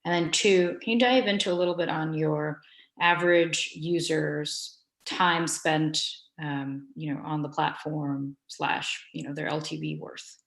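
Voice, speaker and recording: A woman asking questions as a pitch competition judge over a video call. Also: steady tone, a little slow, fairly bright tone. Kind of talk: question-and-answer on a panel. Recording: roomy, echoing video-call audio.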